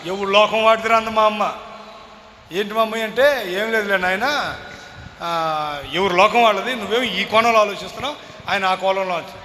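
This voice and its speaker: A man's high, bright voice preaches a sermon, swinging from quiet asides to sudden shouts. The hall around him rings with a long echo. Faint noise sits beneath. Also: steady tone, a little fast, long pauses. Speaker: pastor. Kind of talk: sermon with personal storytelling.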